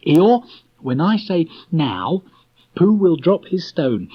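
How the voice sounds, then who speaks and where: A man's voice: a little high, very animated, slightly rough, voice pushed up, exaggerated voice. A man voicing a fussy rabbit who likes to give the orders. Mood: bossy. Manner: brisk, commanding, organising. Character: fussy, bossy rabbit who takes command. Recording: dull lo-fi recording.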